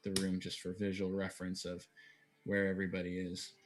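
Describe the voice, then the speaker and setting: A man's voice: low voice, monotone. Male game master narrating the action. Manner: descriptive, measured storytelling.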